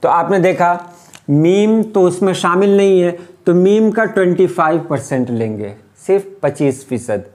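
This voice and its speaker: A man teaching how to write letters, explaining patiently and repeating each point slowly. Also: high voice, lively intonation, darkish tone. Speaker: Urdu script teacher. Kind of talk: step-by-step writing lesson.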